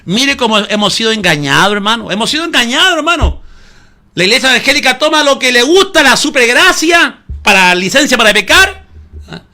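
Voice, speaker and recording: High, lively, bright-voiced male preacher. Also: brisk. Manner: emphatic preaching, calls listeners "hermano" often; asks the audience rhetorical questions. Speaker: pastor. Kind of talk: sermon.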